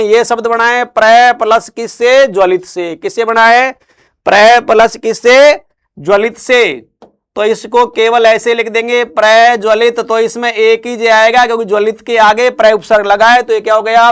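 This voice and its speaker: High-voiced man drilling Hindi spellings. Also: a bit bright, clear, resonant tone. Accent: Rajasthani Hindi. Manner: drills words with repeated questions, stretches out answers slowly. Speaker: Hindi grammar teacher. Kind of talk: spelling lesson.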